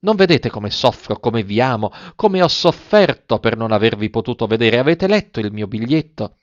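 A pleading young lover, halting and a bit defensive, read by a man in his own voice. His pitch sits in the middle range for a man. The recording is a little muffled and very dry. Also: animated, no echo, close to an everyday voice. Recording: slightly dull, dry close recording.

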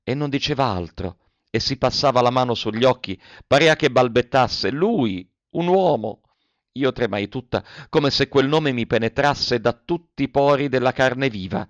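A man reading a first-person letter novel aloud with emotional, lingering delivery and soft pauses. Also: medium pitch, no echo. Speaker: audiobook reader. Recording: dull, dry lo-fi audiobook recording.

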